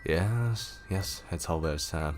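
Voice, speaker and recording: A man reading aloud as a stern older female witch professor who speaks in a hushed, scolding way. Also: low-pitched, slow pace, slight background noise.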